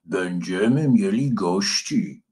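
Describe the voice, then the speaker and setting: A man voicing a calm, sensible male dragon in a children's storybook, talking in a slow, low and deliberate way. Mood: grumbling. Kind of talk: storybook character voice.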